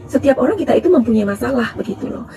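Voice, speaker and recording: A woman's voice: fairly high pitch, expressive, fast, creaky, mellow, a little hiss or hum. A middle-aged woman reading tarot cards in a chatty, advising way, calling her listeners "dear". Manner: chatty, calls listeners "sayang", counsel-giving. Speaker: tarot reader.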